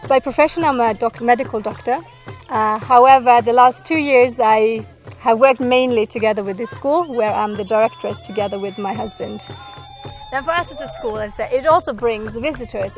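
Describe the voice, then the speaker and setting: A woman, a doctor and school director talking earnestly in a documentary interview. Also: on the high side. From Norway.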